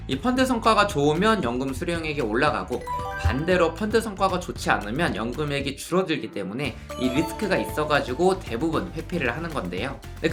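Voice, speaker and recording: A man in his thirties, an insurance planner, giving a persuasive explainer talk full of rhetorical questions. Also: on the high side. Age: 30s. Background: background music.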